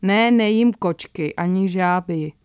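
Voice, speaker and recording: A woman's voice: mid-range voice, a little mellow, smooth, no echo, clean studio sound, lightly acted. A woman voicing a friendly middle-aged male shopkeeper who speaks in short, broken phrases.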